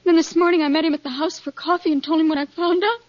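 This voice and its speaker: A woman's voice: extremely high pitch, steady tone, fast talker. An actress playing a frightened young woman client in a 1950s radio drama, crying and pleading in a desperate, breaking voice. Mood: distraught. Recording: dry, muffled old radio broadcast.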